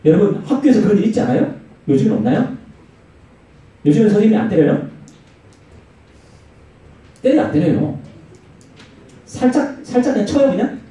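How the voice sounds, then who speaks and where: A man's voice: moderate pace, pauses often. A man preaching a youth sermon in a church, telling stories and acting out the quotes. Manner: animated storytelling with acted-out quotes and swinging pitch. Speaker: youth pastor. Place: church hall. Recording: very echoey hall, mic far off.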